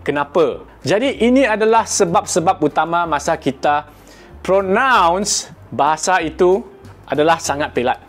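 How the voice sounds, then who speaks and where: Malaysian man, fairly high voice, casual teaching vlog, playful, teasing himself, faint music underneath. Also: expressive, normal speed. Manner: playful and self-mocking, mixes in English words, demonstrates pronunciations. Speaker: YouTuber teaching spoken Malay.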